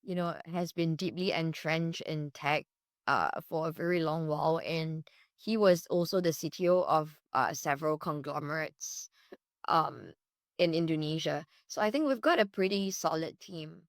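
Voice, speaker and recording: Low-voiced woman from Singapore. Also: moderate pace, dry recording, studio quality. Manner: relaxed, hedging with fillers, laughs often. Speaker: startup co-founder guest. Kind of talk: casual interview chat.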